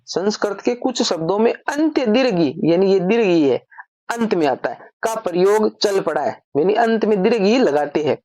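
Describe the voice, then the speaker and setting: A woman's voice: mid-range voice, a little mellow, no room sound, clean studio sound. A woman teaching Hindi grammar, explaining patiently step by step and often posing a question before answering it herself. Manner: repeats points as questions and answers them herself. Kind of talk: explanatory lesson.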